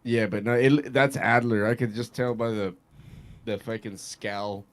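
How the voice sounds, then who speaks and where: A man's voice: medium pitch, steady tone, moderate pace. A man co-hosting a casual gaming podcast over an online call, chatty and loose, swearing often. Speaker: podcast co-host.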